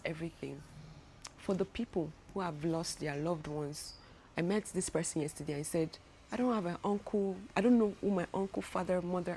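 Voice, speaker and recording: The speaker is a young Nigerian woman vlogging her travels, chatting to camera in a Nigerian accent with frequent restarts and repeated words. Her voice is lowish and darkish, with a little hiss or hum.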